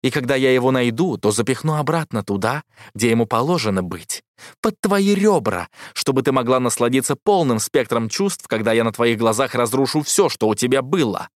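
A man's voice: mid-range voice, lively intonation, no room sound, clean studio sound, voice pushed up, lightly acted. A man voicing a snarling, furious god of thieves. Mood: menacing. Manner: hissing, slow snarling threats. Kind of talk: audiobook character voice.

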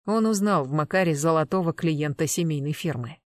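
Brief: even audiobook narration, mid-pitched, dry close mic. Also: brisk, dry recording.

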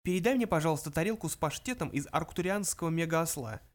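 A composed young woman making introductions in a calm, matter-of-fact way, voice slightly raised, as a male reader plays her. A storybook figure. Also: on the high side, fast talker, close to an everyday voice.

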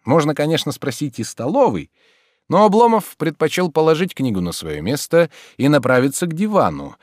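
A man narrating a classic novel as an audiobook in an expressive storytelling manner. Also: on the high side, normal speed, no echo, studio quality. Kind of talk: scripted narration.

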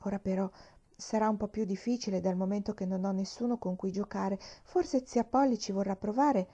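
A woman's voice: mid-range voice, steady tone, brisk, warm tone, dull audio, lightly acted. A woman reading aloud, voicing a cheerful, earnest young girl who speaks sincerely and eagerly.

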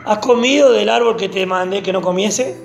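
A man's voice: high-pitched, normal speed, vocal fry, roomy sound, faint music behind. A man preaching, voicing God as a stern questioning father.

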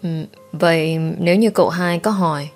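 A woman's voice: deep voice, moderate pace, a little mellow, soft background music. A woman playing a hesitant, polite young driver.

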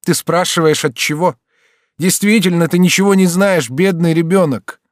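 A man's voice: mid-range voice, normal speed, darkish tone, dry recording, clean studio sound, lightly acted. A man reading an audiobook, voicing a noble countess and mother who is emotional and rises to cries. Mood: anguished.

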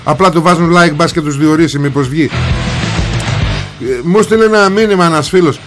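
A man's voice: a little high, over music. A man hosting a talk radio show, ranting sarcastically about politics in blunt street slang. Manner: sarcastic, mocking, colloquial rant.

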